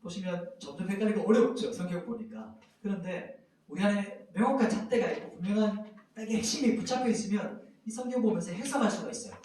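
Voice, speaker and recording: A man preaching a sermon as a pastor, lively and animated, acting out loud cries and sighs of lament. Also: sits high, brisk, very echoey, recorded from a distance, poor audio.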